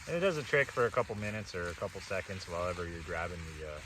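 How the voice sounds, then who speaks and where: A young man casually narrating a camping vlog outdoors, rambling and relaxed as he eats. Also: sits low, racing, noisy background. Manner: relaxed, rambling, talks while eating. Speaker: camping vlogger. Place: outdoors at a mountain campsite.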